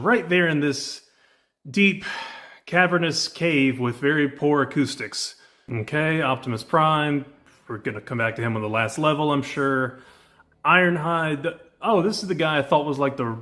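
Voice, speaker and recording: A man chats his way through a video game, cracking jokes and laughing easily, his voice a little on the high side. It is recorded in an unfamiliar room with bad acoustics, so every word comes back with a cave-like echo. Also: a bit bright. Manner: chatty and joking, laughs easily. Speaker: gameplay video host. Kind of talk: casual let's-play commentary. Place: unfamiliar room with poor acoustics, not his usual setup.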